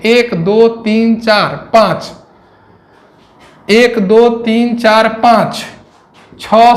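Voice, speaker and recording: Guy teaching reasoning, keeps asking questions, roomy echo. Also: very high voice. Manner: chatty, counts aloud, asks rhetorical questions. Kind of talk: classroom lecture on exam reasoning.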